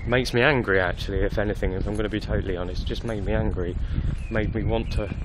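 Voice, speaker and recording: A man's voice: lowish voice, fairly even intonation, fast talker, noisy background. A man in his twenties talking casually to a phone camera after a workout, tired but chatty and candid. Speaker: fitness vlogger. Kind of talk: casual video diary. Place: outdoors at night on a street. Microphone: phone held at arm's length.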